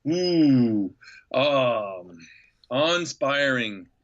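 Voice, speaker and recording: A man in his fifties from Nebraska, a podcast guest telling a travel story with animated enthusiasm. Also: mid-range voice, very slow, lo-fi sound. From Nebraska, USA. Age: 50s. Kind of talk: storytelling interview.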